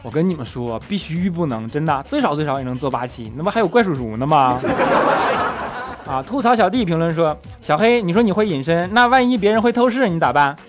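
A man hosts a comedic show, reading listener comments aloud and teasing them with quick comebacks. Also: fairly high pitch, lively intonation, over music.

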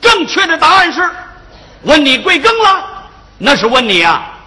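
A man's voice: extremely high pitch, big pitch swings, moderate pace, bright, forceful tone. A man performing comic stage dialogue, teasing his partner and lecturing in a mock-learned tone. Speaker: crosstalk comedian.

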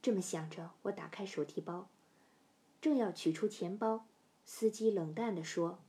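A middle-aged woman telling a first-person story, sinking to hushed whispers in tense parts. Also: medium pitch, moderate pace. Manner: dropping to hushed whispers in suspense.

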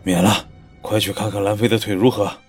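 An actor playing a brisk young emperor in an audio drama, giving short, urgent orders. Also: male voice, on the low side, dry recording, soft background music, lightly acted. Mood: commanding.

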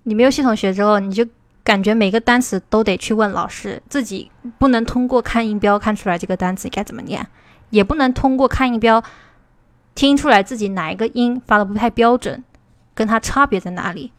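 A woman teaching English pronunciation in a livestream. She explains step by step, checks in with her listeners and slows down to model English words. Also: fairly high pitch, dry recording. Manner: explanatory, asks "对吧" to check understanding. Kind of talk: livestream lesson.

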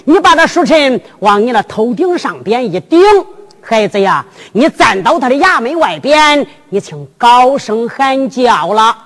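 A woman voicing a scheming old father who speaks slowly and deliberately, with a Henan accent, in a drum-ballad storytelling. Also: big pitch swings. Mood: scheming, instructing. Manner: drawn-out, deep, deliberate elder's speech. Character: slow-spoken old father, scheming, low-voiced. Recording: long hall reverb with music.

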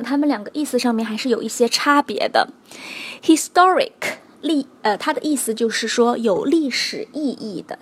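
Bright-voiced woman teaching English vocabulary. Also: fairly high pitch. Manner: explains English vocabulary in Mandarin, mixing in English examples; patient, checks in with students. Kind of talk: recorded language lesson.

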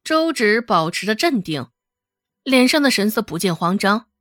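A woman narrating a serialized novel in an expressive, dramatic storytelling manner. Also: medium pitch, moderate pace, no echo, studio quality. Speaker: audiobook narrator.

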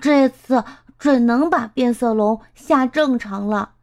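An eager, cheerful little storybook critter, played by a woman. It sounds encouraging and full of ideas. The voice is high and slow. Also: a little mellow. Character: helpful, cheerful storybook animal friend.

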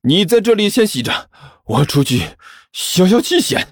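A man voicing a cowardly young martial brother who fakes grand indignation and stammers out flattery and excuses, in an audiobook. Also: high voice, moderate pace, slightly rough, voice pushed up, exaggerated voice. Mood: blustering. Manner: over-the-top mock indignation, nervous stammering and flattery. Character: cowardly, fawning young male senior martial brother, full of glib excuses. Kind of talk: audiobook character voice.

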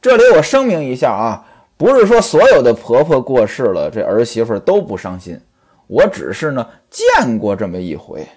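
Lively man telling a story. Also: medium pitch, normal speed, husky. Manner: chatty, asides to the audience. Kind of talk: traditional storytelling with commentary.

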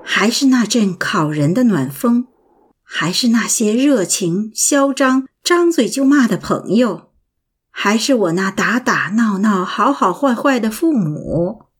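A woman narrating a prose essay in a lilting, expressive reading voice. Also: mid-range voice, slow. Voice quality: husky.

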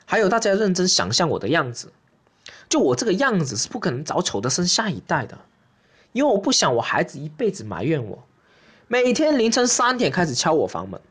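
Animated man doing stand-up comedy. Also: high voice, brisk, slightly rough. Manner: animated, exaggerated, rants and acts out scenes. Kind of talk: open-mic stand-up monologue.

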